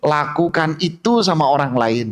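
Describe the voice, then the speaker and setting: A man giving a casual sermon, firing rhetorical questions at the audience and swinging between low asides and sharp exclamations. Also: lively intonation, moderate pace. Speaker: Islamic preacher. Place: mosque.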